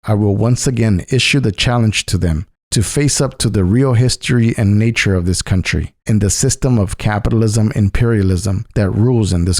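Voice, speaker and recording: This is a man reading a scripted political polemic aloud as narration, essay-style. His pitch sits fairly low and his tone is darkish.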